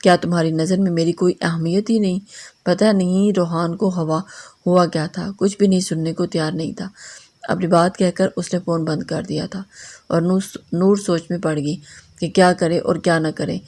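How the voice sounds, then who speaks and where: A woman reading a romance novel aloud as narrator, steady with small slips and restarts. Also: lowish voice.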